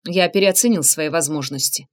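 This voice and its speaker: A woman's voice: deep voice, normal speed, natural voice. A woman reading the part of an impatient former paratrooper teaching someone to drive in an audiobook. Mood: grumbling. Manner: barking commands, blunt. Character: impatient ex-paratrooper man, gruff, quick to shout.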